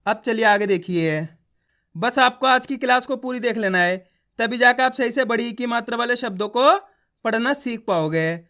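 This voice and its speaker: A man's voice: very high voice, moderate pace, pushed and bright. A man teaching reading online, sounding out words syllable by syllable, drawing out each finished word, and coaxing the viewer directly.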